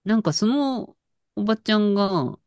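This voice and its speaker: A woman's voice: mid-range voice, lively intonation, normal speed, darkish tone, dry recording. A woman in casual chat, telling an anecdote with lots of fillers and restarts. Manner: storytelling with frequent fillers and laughs.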